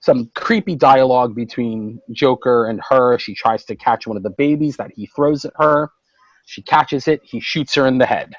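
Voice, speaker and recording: A man's voice: mid-range voice, normal speed, dry recording. Man, podcast co-host, casual chat, detailed retelling, dry room, dull audio. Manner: animated storytelling, recounting plots in detail.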